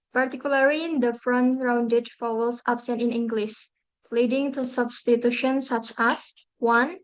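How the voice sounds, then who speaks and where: A woman's voice: on the high side, poor audio. A woman student presenting a class talk, reading carefully from notes and restarting words.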